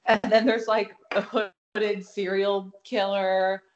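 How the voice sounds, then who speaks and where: A woman's voice: mid-range voice, little pitch movement, takes it slowly, dull audio. A woman co-hosting a podcast in casual chat, informal and exclamatory, with easy swearing. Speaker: podcast co-host.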